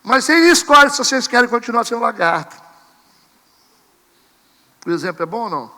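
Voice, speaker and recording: Animated high-voiced preacher, church echo. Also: male voice, brisk. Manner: animated, acts out congregants and mimics camera clicks. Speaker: pastor. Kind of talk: sermon. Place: church sanctuary.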